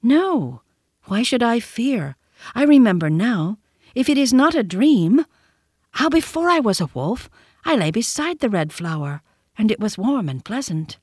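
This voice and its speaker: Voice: medium pitch, big pitch swings, moderate pace, slightly rough, no echo, clean studio sound. A storybook reader voicing the young man-cub Mowgli, bold and challenging. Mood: eager. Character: fierce young man-cub boy, defiant.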